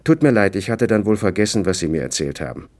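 Guy reading a cool reserved lady in an audiobook, low voice, polite and distant. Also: moderate pace, darkish tone. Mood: flustered. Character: cool, composed grown woman of a household.

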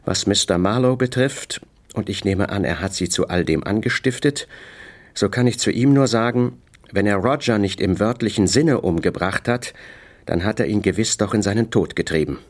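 A man's voice: on the low side, moderate pace. A man reading a novel aloud, voicing a proud, wounded upper-class wife who answers with indignant sarcasm. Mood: bitter. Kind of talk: audiobook character voice.

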